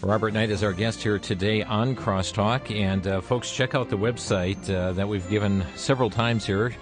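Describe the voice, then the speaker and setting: A man hosting a call-in talk radio show, speaking with smooth radio host delivery as he takes callers and points listeners to information. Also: on the low side, fairly even intonation, moderate pace, music in the background.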